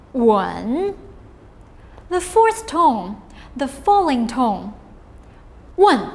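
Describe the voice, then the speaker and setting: A woman teaching a lesson on Chinese tones, speaking slowly and clearly and modelling drills for the listener to repeat. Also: high voice, long reverb tail. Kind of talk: scripted lesson narration.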